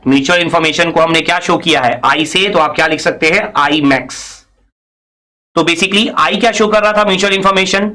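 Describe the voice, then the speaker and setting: A man's voice: a little high, a little fast, pushed and bright. A man giving a recorded engineering lecture, explaining step by step, asking and answering his own questions, and mixing in English technical phrases.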